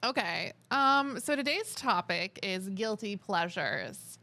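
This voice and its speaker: A woman's voice: mid-range voice, expressive, slow pace, sharp tone. A young adult woman co-hosting a podcast in casual chat, wry and steering the topics with questions. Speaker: podcast co-host.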